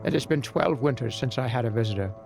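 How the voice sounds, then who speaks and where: A man's voice: mid-range voice, fast talker, creaky, music in the background, close to an everyday voice. A man voicing a solemn, mysterious aged maiden of the forest in a storybook game.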